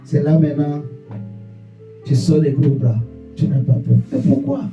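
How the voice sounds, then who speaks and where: A man preaching a fervent sermon to a congregation, repeating rhetorical questions and bursting into shouts. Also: fairly high pitch, sing-song, measured pace, muffled recording. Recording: echoey church room, distant mic, faint guitar.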